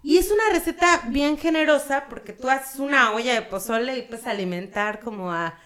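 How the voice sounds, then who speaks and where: A woman's voice: high-pitched, normal speed, a bit bright. A woman from Guerrero with a Mexican accent, chatting casually as a podcast guest. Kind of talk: casual chat.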